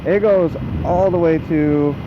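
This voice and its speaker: An American motorcycle vlogger in his twenties chats unscripted while riding on the road, rambling, poking fun at himself, and swearing casually. His voice is on the high side and slow, captured by a muffled helmet mic amid engine and road noise.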